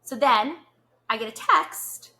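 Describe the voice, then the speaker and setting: A woman's voice: high-pitched, lively intonation, slow, sharp tone. A woman hosting a podcast, telling stories in a chatty, gossipy way full of "like" fillers. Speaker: podcast host. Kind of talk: casual gossip chat.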